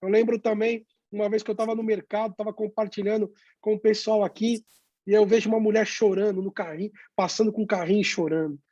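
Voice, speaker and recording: A man's voice: high voice, fairly even intonation, warm tone, no room sound, muffled recording. A man, a pastor, telling stories of sharing his faith and acting out the conversations. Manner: storytelling, acts out dialogue, pauses with "né?". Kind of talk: testimony in a youth talk.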